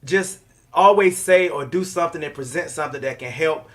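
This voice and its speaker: A man's voice: on the high side, brisk, fairly bright tone. A middle-aged man hosting a live stream, upbeat and chatty with loose fillers. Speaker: live show host.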